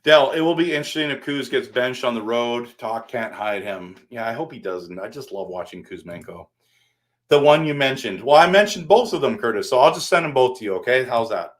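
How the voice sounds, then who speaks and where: A man's voice: medium pitch, lively intonation, a little fast. A man hosting a casual live stream, rambling and answering his viewers by name while standing at his desk.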